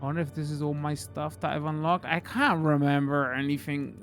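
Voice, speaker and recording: A man's voice: on the high side, fairly even intonation, brisk, a bit bright, soft background music. A man hosting a gaming video with casual commentary, hesitant and thinking aloud as he plays.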